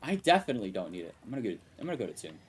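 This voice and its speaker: Lively young Texan game streamer. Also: male voice, fairly low pitch, very fast, breathy edge. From Texas. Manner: rambling, answers chat, laughs often. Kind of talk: casual live-stream chat.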